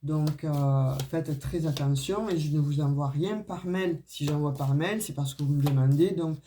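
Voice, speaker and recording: A woman with a deep, dark voice speaks at normal speed over a slight hiss or hum. She has a regional French accent, not Parisian, and gives a casual tarot and oracle card reading, chatting straight to her viewers with plenty of "euh" and "hein" fillers.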